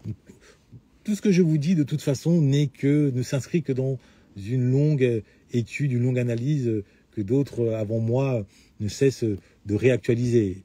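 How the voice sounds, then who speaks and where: At a normal speed, a middle-aged man with a dark, slightly rough mid-range voice hosts a live talk and takes questions. His unscripted, lecturing delivery runs long and is peppered with hesitations and restarts.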